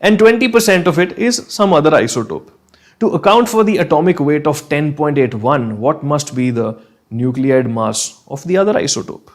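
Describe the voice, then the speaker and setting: A man's voice: on the high side, big pitch swings, moderate pace. A man with an Indian accent teaching a live online chemistry lesson, encouraging and reassuring students, often checking in and slipping Hindi phrases into his English.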